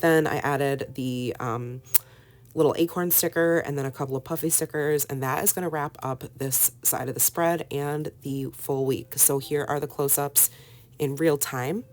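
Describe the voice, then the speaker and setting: A middle-aged woman with a sick, hoarse voice, chatting casually through a voiceover walkthrough from home with lots of fillers. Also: deep voice, moderate pace. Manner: chatty, relaxed with many fillers. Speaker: scrapbooking vlogger.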